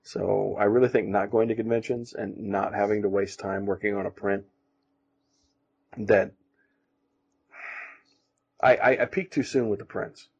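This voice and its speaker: A man co-hosting a casual podcast, talking in halting, self-deprecating stops and restarts. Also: fairly low pitch, steady tone, creaky, slightly rough. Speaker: podcast co-host and comic artist. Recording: dull lo-fi sound.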